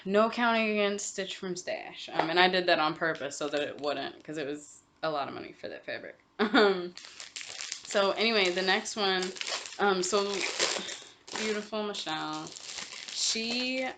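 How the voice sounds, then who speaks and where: A woman's voice: medium pitch, a little slow, noisy background. A young woman chatting casually in a cross-stitch vlog, rambling with many ums and self-corrections. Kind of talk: casual chat.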